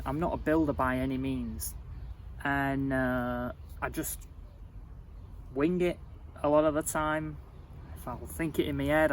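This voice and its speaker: A man vlogging casually about his cottage renovation, rambling and halting with lots of fillers, outdoors at his building site. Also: fairly high pitch, a little hiss or hum, low-quality recording. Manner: rambling and halting, with many fillers, self-described as muddling his words. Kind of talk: casual chat to camera.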